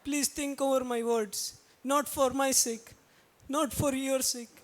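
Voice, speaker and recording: A woman's voice: high-pitched, steady tone, takes it slowly, noisy background. A woman playing a poor, desperate mother who pleads anguished with her husband, in an amateur devotional stage drama. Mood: pleading. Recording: background violin music.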